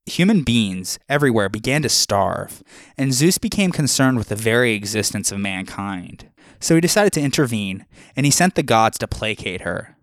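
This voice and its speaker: A man hosting a podcast, telling old myths as steady scripted narration with small asides to listeners. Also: lowish voice, normal speed, no room sound, studio quality. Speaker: podcast host.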